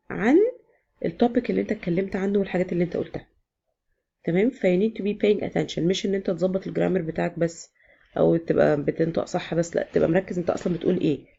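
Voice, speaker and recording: A woman's voice: fairly low pitch, gravelly, mellow, husky, dull audio. A woman with an Egyptian Arabic accent, casually explaining exam sections in a chatty vlog lesson, often switching into English. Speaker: exam prep teacher.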